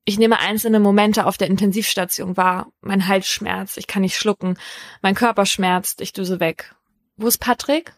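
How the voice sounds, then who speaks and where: A woman hosting a true crime podcast, telling a case in a measured, scripted first-person narration. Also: mid-range voice, level tone, dry recording, studio quality.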